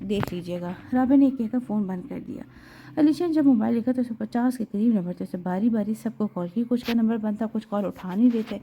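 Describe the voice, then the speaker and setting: A woman reading a romance novel aloud in an even, steady storytelling manner. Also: a little high, a little hiss or hum. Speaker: audiobook narrator.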